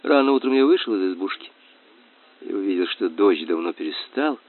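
A man narrating a children's story in an expressive, lively reading voice. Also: low voice, fairly quick. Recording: tinny dry phone-like sound.

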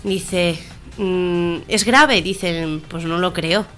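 A woman's voice: on the low side, drawn-out words, faint music behind. Female radio comedy co-host, casual joke-telling, acts out each character's lines. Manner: animated storyteller, voices the characters in her jokes.

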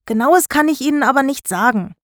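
A woman's voice: high-pitched, expressive, fairly quick, a bit bright, dry recording, pitched above the performer's own voice. A woman voicing a cheeky teenage schoolboy who speaks bluntly, in a dry storybook recording.

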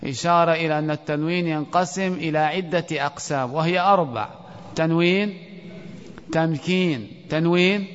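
Male teacher, classroom lesson, quizzing students, dull lo-fi recording. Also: a little high. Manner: questioning students, reciting verse slowly. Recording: dull lo-fi audio with long hall reverb.

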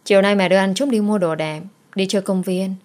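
A woman voicing a grieving young mother who gently coaxes her daughter. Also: medium pitch, fairly even intonation, fast, lightly acted. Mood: coaxing.

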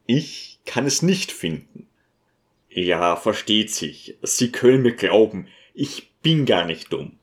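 A man's voice: on the low side, very animated, takes it slowly. A man voicing an eager, vain provincial schoolteacher who sometimes stammers.

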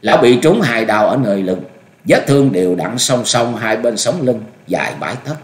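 A man voicing a restrained young male swordsman who answers slowly and quietly. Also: medium pitch, slight background noise, lightly acted. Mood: calm. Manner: slow, quiet, even replies. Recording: echoey room.

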